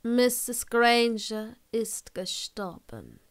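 A woman voicing a curt, sardonic middle-aged male potions master, slow and clipped in a fan-fiction audiobook. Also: fairly high pitch. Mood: dry.

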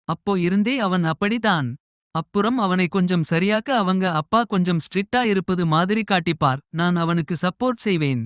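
A man voicing a caring middle-aged mother who scolds softly and reassures tenderly. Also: high voice, no echo, clean studio sound, voice pushed up.

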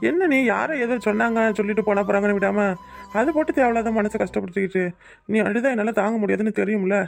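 Man voicing a young husband, cartoon, reassuring, gravelly voice, fast. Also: sits high, soft background music. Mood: tender. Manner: soothing, reassuring. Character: young poor husband, tender toward his wife. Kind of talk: cartoon voice acting.

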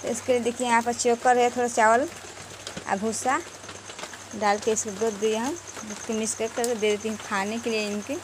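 A woman narrates her daily chores in a rural yard, chatting straight to her viewers. Her voice sits a little high, and she keeps pointing things out as she moves around. The phone recording is outdoors and carries plenty of background noise. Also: flat delivery, moderate pace. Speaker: vlogger. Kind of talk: casual daily-life vlog narration. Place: rural home yard outdoors during rainy season.

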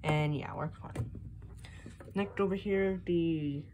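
A hobbyist collector, heard as a woman, shows off her weather radios in a casual, rambling, unscripted show-and-tell, often sounding unsure. Her mid-range voice is steady and slow. The handheld phone or camera audio picks up loud background noise.

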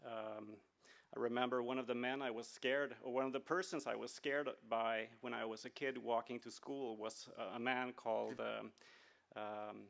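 Middle-aged guy at a conference, gravelly voice, lots of ums and restarts. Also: mid-range voice, steady tone, fairly bright tone. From Sweden and Venezuela. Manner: earnest, halting with many fillers and restarts. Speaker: conference speaker. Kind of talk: conference talk.

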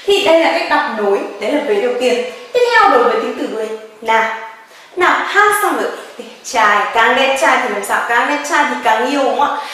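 A woman teaching a grammar lesson, drilling words slowly and often asking her class questions. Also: a little high, expressive, fairly bright tone. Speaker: Japanese language teacher. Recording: very echoey room, voice from far off.

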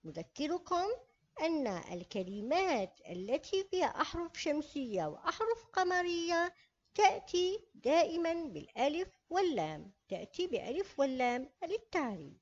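A woman teaching a children's reading lesson, reading slowly and carefully and drawing out each word. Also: sits high, big pitch swings. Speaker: primary school teacher. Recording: dull lo-fi recording.

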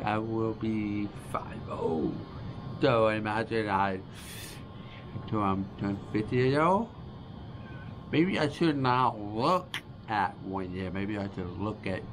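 A deaf man in his forties vlogging to camera in slow, halting speech, restarting phrases as he talks. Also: on the low side, noisy background. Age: 40s. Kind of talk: casual vlog talk to camera. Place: small dim room with a starry backdrop. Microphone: camera close in front of face.

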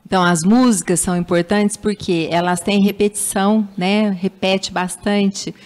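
A woman's voice: medium pitch, fairly even intonation, normal speed, darkish tone. A Brazilian woman speech therapist answering interview questions, patiently explaining child language development. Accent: Brazilian Portuguese. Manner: patient, explanatory, acts out parents' baby talk.

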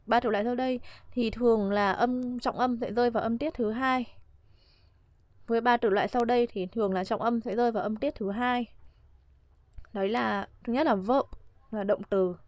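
A woman's voice: fairly high pitch, moderate pace, dry recording. A woman teaching an English lesson, patient and repetitive, often checking that students understand. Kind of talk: classroom-style video lesson.

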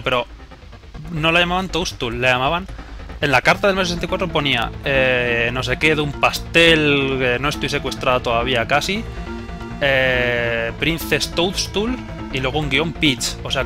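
Over video game music, a young man with an accent from Spain comments live on his own gameplay in let's play style. He speaks at a medium pitch and normal speed, joking around casually and cursing without restraint.

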